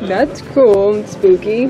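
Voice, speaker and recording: A woman's voice: medium pitch, slow, muffled recording. A young woman filming a casual vlog while joking with a friend, giggly and teasing. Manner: giggly and teasing, laughing often. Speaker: vlogger. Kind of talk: casual chat. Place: inside a gift shop. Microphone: handheld camera. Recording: shop music playing behind.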